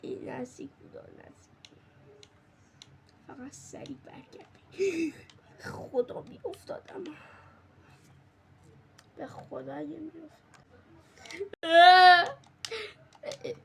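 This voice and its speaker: A woman gaming streamer in casual let's-play commentary, excitable and jokey, often crying out, laughing and dropping into hushed whispers. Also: high-pitched, vocal fry, pauses often, slight background noise.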